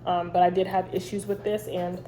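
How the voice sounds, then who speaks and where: Her voice is fairly low and dark, with little pitch movement, as the congested candle reviewer talks briskly through her vlog. She rambles casually with plenty of ums, and a little hiss or hum can be heard.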